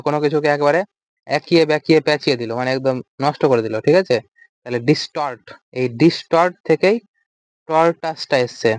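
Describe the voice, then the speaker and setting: A man's voice: a little high, a little mellow, no echo. A man teaching an English vocabulary lecture, explaining step by step and asking and answering his own questions. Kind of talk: recorded lecture.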